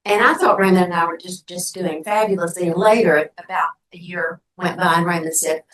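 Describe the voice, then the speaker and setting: Older woman telling a personal story, lower-pitched. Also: brisk, a bit bright, low-quality recording.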